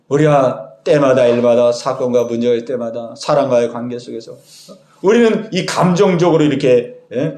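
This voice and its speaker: A man's voice: mid-range voice, a little mellow. A man preaching a sermon as pastor, speaking emphatically and putting questions to the congregation. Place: church sanctuary. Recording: echoey church hall.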